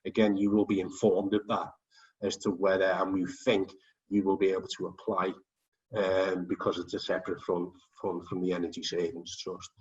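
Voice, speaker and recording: A man with a low voice chairs an online forum over a video call. He talks in a loose, chatty way, full of ums and small jokes. He sits back from the mic, and the sound comes through muffled and dull. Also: flat delivery, moderate pace, a little mellow, distant mic. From England. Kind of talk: online meeting chat.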